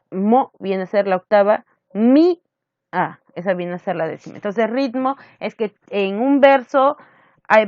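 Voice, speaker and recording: A woman literature teacher giving an online class lecture. She reads verses slowly, stresses syllables and rhymes, and often checks in with her students. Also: on the high side, a little mellow, no room sound, muffled recording. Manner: checks in with "¿no es cierto?".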